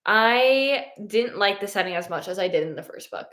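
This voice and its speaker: A woman's voice: medium pitch, expressive, moderate pace, fairly bright tone. A sleepy woman hosting a casual book club chat, talking loosely and trailing off. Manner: chatty, yawning, trailing off.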